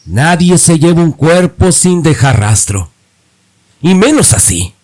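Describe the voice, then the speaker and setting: A blunt, fearful young hunter's apprentice, as a male narrator puts him on. He gives slow, ominous warnings. His voice sits fairly high and his pitch swings widely. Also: very animated, darkish tone.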